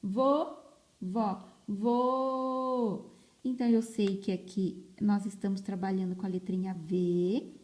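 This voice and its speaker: Her pitch is medium and her tone steady and mellow as she guides children through early literacy, pronouncing words slowly and repeating each syllable with emphasis. A phone captured the lesson.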